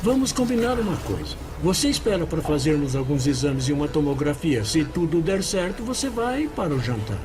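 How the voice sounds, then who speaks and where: An actor playing an attentive, soothing emergency doctor with a Brazilian accent in a dubbed documentary. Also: male voice, a little high, big pitch swings, a little fast, hardly any pauses. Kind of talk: dubbed documentary dialogue and narration. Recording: clearly noisy background ambience.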